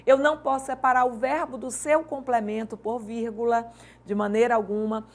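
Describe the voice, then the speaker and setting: A woman's voice: fairly high pitch, steady tone, normal speed. A woman teacher giving a Portuguese grammar lesson for an exam-prep course, explaining step by step and often checking in with "right?". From Maranhão, Brazil. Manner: explanatory, uses rhetorical questions and checks like "certo?".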